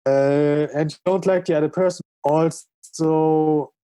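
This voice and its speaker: A German-accented man chats as a podcast guest with real enthusiasm. His voice is a little high yet mellow. The recording is dry and close. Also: steady tone, slow, clean tone, no echo. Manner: enthusiastic, frequent fillers. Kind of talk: casual chat.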